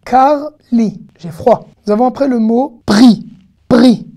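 Slow, mellow-voiced woman teaching. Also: on the high side. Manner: patient, repeats words slowly for learners. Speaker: Hebrew teacher. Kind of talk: online lesson, explaining and demonstrating pronunciation.

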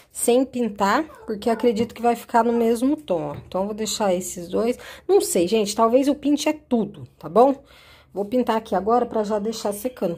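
A woman's voice: fairly high pitch, a little mellow, a little hiss or hum. A young woman casually vlogging from her home workspace, chatting to viewers as she works on cakes. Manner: chatty, keeps addressing viewers as "gente". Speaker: cake decorator vlogger. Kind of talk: casual vlog narration.

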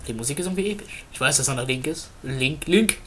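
A man's voice: medium pitch, lively intonation, fast, fairly bright tone, breathy edge. A man giving casual, playful gameplay commentary as a Let's Play host, chatting and humming along while he plays.

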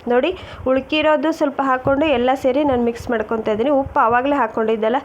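A woman's voice: high-pitched, steady tone, very fast. A woman chatting through a home cooking demonstration and calling her viewers friends as she works. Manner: chatty, keeps calling viewers friends and urging them to look. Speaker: cooking channel host. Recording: dull lo-fi sound with faint noise.

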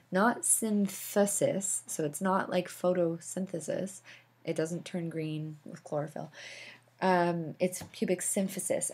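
A woman's voice: lowish voice, darkish tone, slightly rough. A woman instructor explaining anatomy over slides, with casual asides and fillers. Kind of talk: recorded slideshow lecture.

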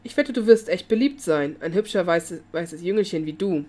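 A woman's voice: lowish voice, normal speed, dark tone, lightly acted. A woman reading the lines of a brutal, coolly menacing male police detective in a taunting manner.

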